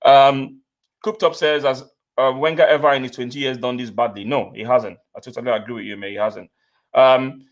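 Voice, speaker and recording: A man from Nigeria hosts a casual football reaction live stream from a home studio with remote guests on call. He reads out viewer comments and repeats himself as he goes. His mid-range voice is a bit bright.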